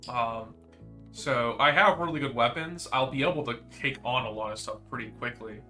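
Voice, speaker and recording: A man's voice: mid-range voice, normal speed, pushed and bright, faint music behind. A young man chatting casually on a gaming stream, rambling and teasing his friend, full of fillers and restarts.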